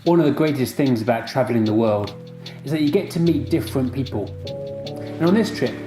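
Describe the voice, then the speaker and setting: A man's voice: mid-range voice, lively intonation, fairly quick, warm tone. A male vlog host narrating a wry travel voice-over. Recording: roomy voice-over with music.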